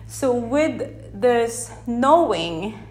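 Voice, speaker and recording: Holding her phone in one hand, a Tagalog-speaking podcast host from the Philippines reflects aloud without a script in an unedited space with background sound. Her voice is a little high, with lively intonation and drawn-out words, and she speaks gently, often restarting as she searches for words.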